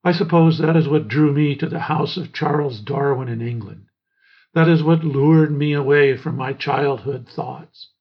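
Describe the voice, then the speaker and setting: An older man reading his own memoir aloud in a measured, reflective way. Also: fairly high pitch, husky. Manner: slow, measured, reflective storytelling. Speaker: memoir narrator. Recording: dull lo-fi recording.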